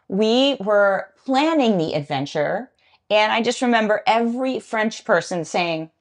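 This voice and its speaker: A middle-aged woman co-hosting a relaxed podcast chat. Her pitch sits in the middle for a woman, and she talks in a lively, animated way. She laughs often as she goes. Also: measured pace. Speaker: co-host.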